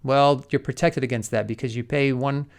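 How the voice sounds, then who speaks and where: A man teaching a recorded lesson in a relaxed, conversational way, turning to the listener with everyday examples. His voice is gravelly at the edges yet smooth and resonant. He sits at a middle pitch. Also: moderate pace. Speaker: college lecturer. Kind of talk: recorded explanatory lecture.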